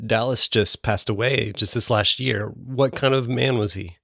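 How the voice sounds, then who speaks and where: A man's voice: mid-range voice, fairly even intonation, normal speed, creaky, pushed and bright, no echo, lo-fi sound. A man hosting a podcast, reading an upbeat scripted intro, then interviewing a guest. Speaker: podcast host.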